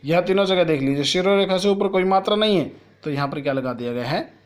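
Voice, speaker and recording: A man's voice: sits high, quick pace. A man teaching a school grammar lesson to children. He asks a question and then answers it himself, and he spells out sounds one at a time. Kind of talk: classroom lesson explaining Hindi grammar to children.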